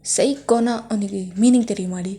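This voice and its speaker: A woman's voice: mid-range voice, moderate pace, mellow, lightly acted. A woman voicing a possessive, jealous young husband who pleads and threatens, in a fanfic story reading. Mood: pleading. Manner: intense, pleading then menacing.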